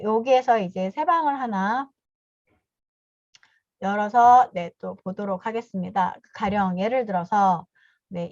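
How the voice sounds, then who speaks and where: A woman's voice: mid-range voice, darkish tone, dry recording. A woman in her fifties gives a step-by-step online training talk to teachers over a video call, politely punctuating her phrases with a short affirming "yes". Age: 50s. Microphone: video call mic. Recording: dull, dry video call audio.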